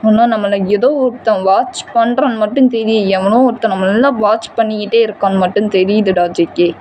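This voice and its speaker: A woman's voice: mid-range voice, fairly even intonation, a little fast, dark tone, a little hiss or hum, natural voice. A woman voicing an anxious young man, a loyal friend, who talks in a worried, pleading way.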